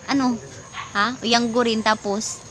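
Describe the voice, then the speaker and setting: A chatty woman with a Filipino accent talks through a casual vlog in a slightly high voice. She leans on fillers and jumps between languages. Steady background noise runs under the recording. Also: slow pace. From Philippines. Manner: chatty, mixes English into Tagalog, many fillers, laughs often. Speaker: plant vlogger.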